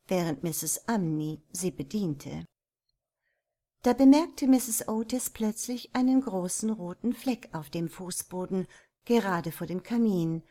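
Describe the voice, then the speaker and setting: A woman reading a classic story aloud as an audiobook narrator, in an even, measured way. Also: medium pitch.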